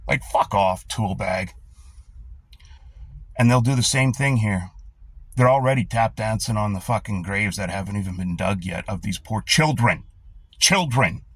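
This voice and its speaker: Gravelly, profane man ranting. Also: lowish voice, normal speed, long pauses. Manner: profane, sarcastic, blunt. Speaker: commentary host. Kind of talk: angry political rant.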